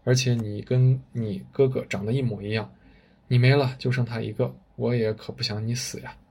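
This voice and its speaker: A man's voice: mid-range voice, steady tone, normal speed, vocal fry, darkish tone, breathy edge. A man doing a timid muddle-headed bandit. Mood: pleading.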